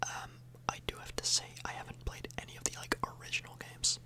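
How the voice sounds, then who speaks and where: In an ASMR video, the host murmurs in a breathy whisper with no voicing, very near the mic. The pace is quick, and her casual rambling comes with slight hesitancy.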